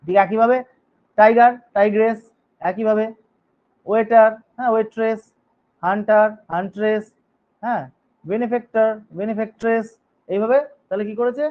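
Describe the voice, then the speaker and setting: In a dull, lo-fi recording, a high-voiced male teacher runs a grammar lesson at normal speed in a steady tone, pausing often. He reads rules in English and explains them in Bengali, spells out words letter by letter, and repeatedly checks on his students.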